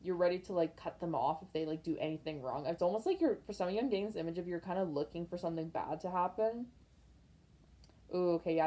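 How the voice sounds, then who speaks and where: Chatty, mellow-voiced woman tarot reader. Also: lowish voice, slight background noise. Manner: chatty and excitable, trailing off with "like". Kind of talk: pick-a-card tarot reading.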